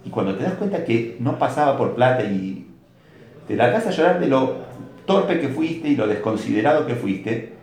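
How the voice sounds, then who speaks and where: A man's voice: medium pitch, moderate pace, very echoey. A man with an Argentine Spanish accent giving a religious lecture, telling stories and asking rhetorical questions as he teaches. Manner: storytelling with rhetorical questions, animated. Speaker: rabbi teaching a class.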